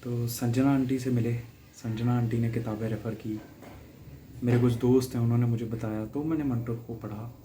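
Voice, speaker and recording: A man's voice: mid-range voice, fairly even intonation, normal speed, mellow, a little hiss or hum. A young man from Haryana, India, recalling in a casual, reflective way how a writer shaped his life, with small laughs and restarts. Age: young adult. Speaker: guest reader sharing a personal story. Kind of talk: casual personal storytelling.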